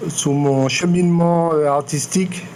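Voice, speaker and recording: A man in his late forties from Martinique, speaking in a fairly high voice as he answers interview questions in a lecture room. He talks in a measured, reflective way, full of pauses and restarts. A faint hiss sits behind him. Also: steady tone, darkish tone. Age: 40s. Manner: measured, many fillers and restarts. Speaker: artist interviewed. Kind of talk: public interview, hesitant and reflective.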